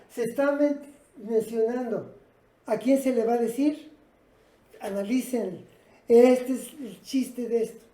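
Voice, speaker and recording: A woman teacher gives a patient, step-by-step classroom lesson, talking straight to her students. Her voice is dark and mellow yet sits fairly high. The sound is roomy and echoey. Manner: patient, explanatory, addresses students directly. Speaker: English teacher.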